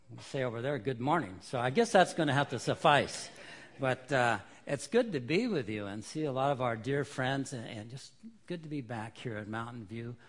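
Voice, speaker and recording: A middle-aged man gives an informal missionary talk in church, speaking in a hesitant, reflective way with pauses. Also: on the low side.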